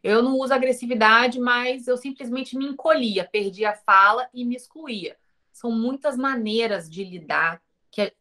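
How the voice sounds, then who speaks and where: A woman's voice: fairly high pitch, a bit bright. A Brazilian woman teaching an online course. She talks straight to her viewers, with rhetorical questions and quoted dialogue from her own stories. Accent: Brazilian Portuguese. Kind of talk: informal recorded lesson.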